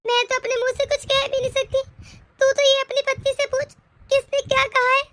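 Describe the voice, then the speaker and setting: A woman's voice: extremely high pitch, level tone, brisk, fairly bright tone. A woman voicing a scheming, bossy sister-in-law in a cartoon, taunting and sly. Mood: indignant. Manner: taunting, sly, self-pitying. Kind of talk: cartoon voice acting.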